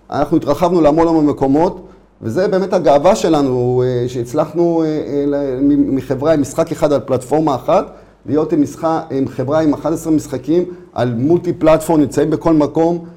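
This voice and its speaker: A man's voice: fairly high pitch, dark tone. A middle-aged man with an Israeli accent, speaking informally and repeating himself as he tells his story in an interview. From Israel, immigrated from Latvia at age four. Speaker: interview guest, startup founder. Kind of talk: casual conversational interview.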